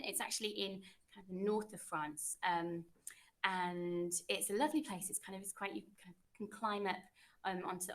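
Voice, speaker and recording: A woman's voice: mid-range voice, fairly bright tone. A young woman, a French teacher, running a classroom quiz with pupils in an encouraging, chatty way.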